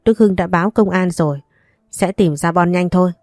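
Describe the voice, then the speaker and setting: A calm older grandfather speaks in a steady, reassuring way, read by a woman narrating a story. The voice is low and mellow, and the sound is dry and close. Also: moderate pace, no echo, lightly acted.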